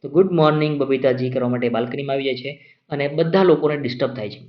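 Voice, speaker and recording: A man's voice: medium pitch, quick pace. A male exam-prep teacher giving a classroom lecture, explaining patiently, repeating key points and checking that students follow. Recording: dull lo-fi recording.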